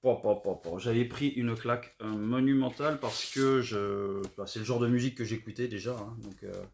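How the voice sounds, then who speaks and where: A man's voice: medium pitch, steady tone, moderate pace, creaky, slight background noise. A middle-aged man from France chatting casually and hesitantly, with many fillers, about records he found. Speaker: record collector vlogger. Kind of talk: casual haul video chat.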